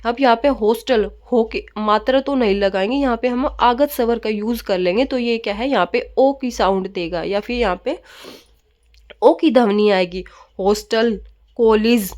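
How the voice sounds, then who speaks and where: A woman's voice: a little high, a little mellow. A woman teacher giving a grammar lesson, often asking questions and answering them herself and mixing in English words.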